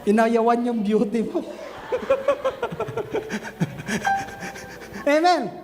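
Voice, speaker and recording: A man preaching a sermon to a church group, talking to the brethren and acting out scenes in an animated way. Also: very high-pitched, measured pace, in a large hall. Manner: switches between Filipino and English, addresses listeners as brethren; animated, acts out scenes with raised voice. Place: church cell group gathering.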